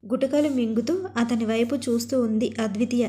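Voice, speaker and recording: A woman storyteller reading a scripted family story in a steady, expressive way. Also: fairly high pitch, brisk.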